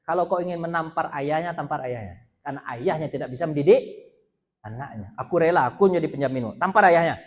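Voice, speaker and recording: A man voicing a stern old caliph who judges a dispute, giving loud commands and slow, grave verdicts. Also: fairly high pitch, animated, natural voice.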